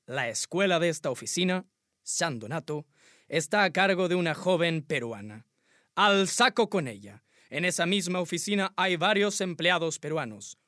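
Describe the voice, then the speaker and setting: A man reading an old newspaper text aloud in a sardonic, deliberate way. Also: on the high side, animated, fairly bright tone, dry recording, studio quality.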